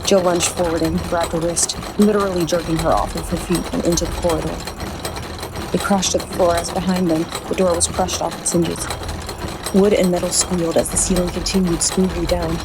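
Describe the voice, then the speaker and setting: Woman narrator, low gravelly voice, tense dramatic horror reading, noisy recording. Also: flat delivery, moderate pace. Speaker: audiobook narrator. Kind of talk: scripted narration.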